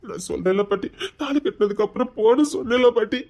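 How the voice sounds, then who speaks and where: A man's voice: high voice, fast, gravelly, a little mellow. A heartbroken young Tirunelveli man. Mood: despairing. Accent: Tirunelveli Tamil. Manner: pleading, despairing. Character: heartbroken young man rejected by his bride. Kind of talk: village comedy drama acting.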